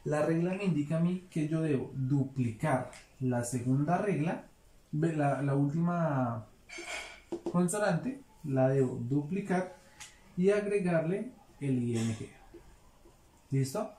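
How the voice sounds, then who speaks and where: A man's voice: fairly high pitch, lively intonation, slow pace, dark tone. A man teaching an English grammar lesson, explaining patiently and often checking that his students are following. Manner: patient, repeats "¿listo?" to check understanding. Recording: echoey room with faint noise.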